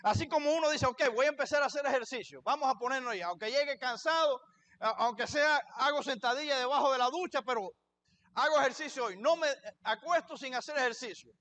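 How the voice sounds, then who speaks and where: Male pastor, very high voice, preaching a sermon in church, asks questions and answers them himself. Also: fairly quick, bright, forceful tone.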